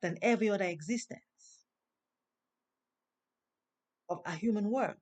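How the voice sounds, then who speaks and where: A woman with a non-native English accent delivers an inspirational monologue as host. She speaks slowly and deliberately, like a preacher, and her voice rises on the words she wants to stress. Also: mid-range voice, darkish tone. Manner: slow, preaching, emphatic rises.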